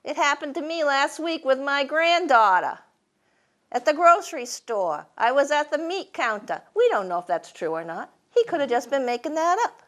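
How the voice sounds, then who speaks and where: A woman's voice: high voice, very animated, moderate pace, a bit bright. A woman telling humorous stories to an audience in a folksy, wry, conversational way. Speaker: storyteller and humorist hosting a program. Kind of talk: live humorous storytelling to an audience.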